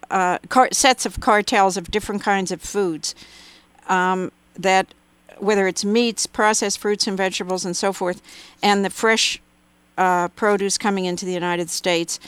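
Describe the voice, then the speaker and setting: Woman, smooth clear voice, dry close sound, interview guest, long emphatic run-on answers. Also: medium pitch, no echo. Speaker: interview guest, policy commentator. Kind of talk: radio interview.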